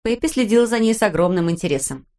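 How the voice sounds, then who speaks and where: A woman narrating a children's audiobook in an even, steady manner. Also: mid-range voice, fast talker. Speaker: audiobook reader.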